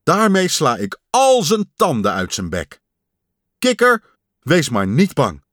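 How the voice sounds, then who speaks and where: A man voicing an anxious, caring male toad who frets and cries out loudly in a storybook reading. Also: fairly high pitch, wildly swooping pitch, measured pace, no echo, studio quality, voice pushed up, full character voice. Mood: determined. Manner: fretful, rising to loud cries.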